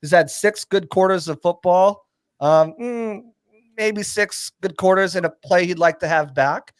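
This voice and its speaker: A man's voice: high-pitched, measured pace, dry recording. A man hosting a sports podcast, talking in an upbeat, jokey, hype-man way. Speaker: podcast host. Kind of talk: casual sports podcast chat. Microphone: podcast mixer setup.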